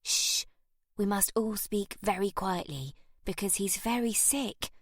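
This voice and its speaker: Gentle caretaker, young woman, soothing and warm, a woman narrator doing her. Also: medium pitch, measured pace, dry recording, clean studio sound. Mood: hushing. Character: kind young woman caring for orphans.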